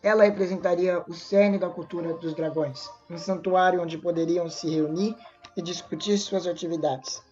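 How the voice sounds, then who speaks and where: A woman's voice: lowish voice, steady tone, moderate pace, darkish tone. A woman narrates a fantasy story, reading along with small slips and restarts. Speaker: lore narrator. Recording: dull lo-fi voice with faint music.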